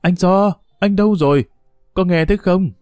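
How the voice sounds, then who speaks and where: A man calling as a panicked shrill village girl. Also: normal speed, darkish tone, no echo, studio quality, faint music behind, close to an everyday voice. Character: frightened teenage village girl, crying out.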